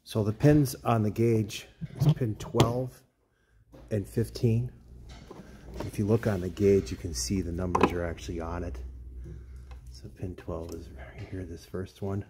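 A snowmobile mechanic with a low voice and fairly even intonation walks through a repair step by step from his garage workshop, unhurried and matter-of-fact. The hands-on tutorial has a noisy background.

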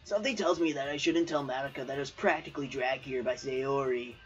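A man's voice: medium pitch, fast talker, soft background music, close to an everyday voice. A man voicing a shy teenage schoolboy who is new to a club, reading his lines with some hesitation. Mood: awkward. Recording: dull lo-fi recording.

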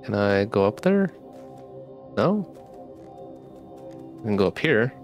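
A young streamer, still getting over a sickness and coughing, does laid-back let's play commentary while game music plays. His lowish voice moves through big pitch swings at a slow pace, and he talks around retainers in his mouth.

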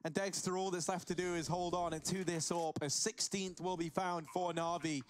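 Male esports play-by-play caster, higher pitch, quick excited delivery, faint noise behind. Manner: rapid excited play-by-play, rising in big moments. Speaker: esports commentator. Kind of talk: play-by-play commentary.

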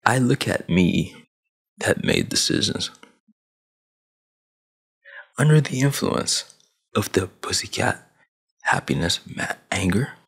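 Recorded on a headset boom mic in a small, dim room at home, a gaming chair behind him, a young vlogger in his twenties rants motivationally to camera. He's from Sudan, grew up in Saudi Arabia, and uses a low, husky rasp with lively swings, preachy like a big brother, emphatic and gesturing with his hands.

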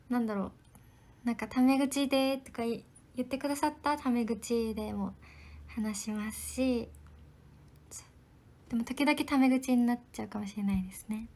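A young woman with a voice sitting a little above the usual range chats through a casual livestream, answering viewers' comments one by one. She stays polite, with a lively, friendly tone. Every so often she drops into a soft whisper for quick asides to herself. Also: fairly high pitch. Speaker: idol trainee livestreamer.

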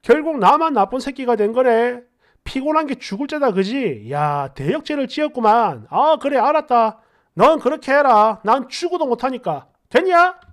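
Hot-tempered young boyfriend shouting back, put on by a woman narrator, high lively voice. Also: normal speed, natural voice. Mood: angry yelling. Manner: shouting, scornful, snapping. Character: irritated young adult man, short-tempered boyfriend.

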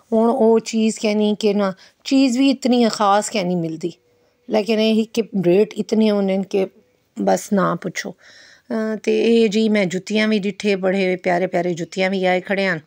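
A woman's voice: mid-range voice, vocal fry, darkish tone, no room sound, studio quality. A middle-aged woman, chatting casually in a rambling vlog voice-over with many fillers. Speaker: beauty parlour owner and vlogger.

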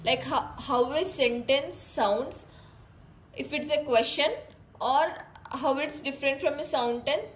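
A woman's voice: high-pitched, slow pace, rough recording. A young woman, explaining exam notes in a casual lesson with examples and frequent restarts. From India. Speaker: tutor.

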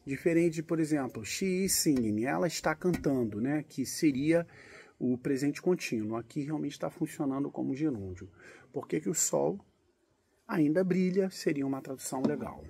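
A man from Brazil teaching English in a relaxed, patient way, with guitar and snatches of singing. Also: a little high, normal speed, vocal fry, slightly rough. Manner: explains patiently, sings lyric lines to guitar. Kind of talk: casual English lesson.

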